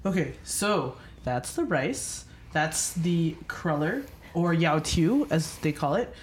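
A woman's voice: sits low, expressive, slow pace, a little hiss or hum. A woman co-hosting a podcast, chatting casually into a microphone with playful teasing. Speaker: podcast co-host. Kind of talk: casual chat. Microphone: studio microphone.

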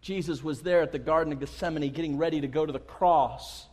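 Male preacher, higher register, animated storyteller, long hall reverb. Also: a little fast. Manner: animated storytelling, acting out his kids' voices. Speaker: pastor. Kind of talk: sermon with a personal story.

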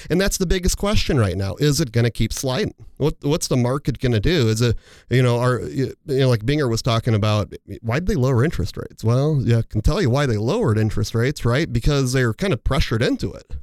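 A man hosts a financial talk show in a loose, conversational way. He rambles and restarts his sentences and leans on everyday comparisons to explain things. His voice sits at an average pitch and sounds dry and close, with no room echo. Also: animated, fairly quick, a little mellow. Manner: rambling, explains with analogies, many fillers and restarts. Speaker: financial advisor and show host. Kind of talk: casual radio talk show chat.

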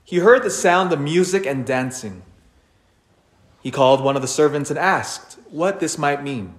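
A priest reading the Gospel at Mass in a measured, unhurried way, heard with a cathedral echo in a large church. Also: male voice, on the high side, lively intonation. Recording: roomy church reverb.

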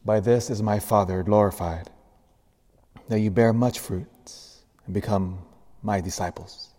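A priest reading the gospel and preaching earnestly in a cathedral echo, building emphasis through lists. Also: male voice, on the low side, fairly even intonation, a little slow, warm tone. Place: large church. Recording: long reverb of a large church.

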